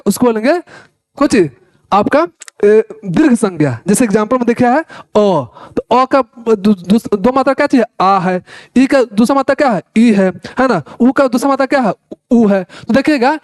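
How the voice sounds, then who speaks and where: Male Sanskrit tutor, high voice, dry close sound, chatty and repetitive lecture style. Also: darkish tone, dry recording. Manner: chatty, keeps asking "है ना" and addressing listeners as "भाई साहब"; repeats words while explaining. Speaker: Sanskrit teacher for Ayurveda students. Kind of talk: casual explanatory lecture.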